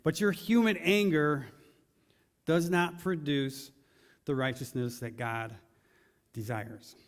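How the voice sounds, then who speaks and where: A man's voice: fairly high pitch, takes it slowly. Casual preaching man in a reverberant hall. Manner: casual, asks the congregation many questions. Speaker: pastor. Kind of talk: conversational sermon. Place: large church hall.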